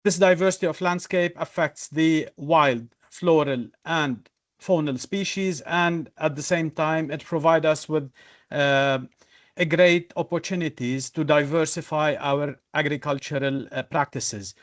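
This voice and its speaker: A man from Lebanon presenting in a webinar as a zoologist, slow and hesitant with many fillers. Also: a little high, a bit bright. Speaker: zoologist and consultant.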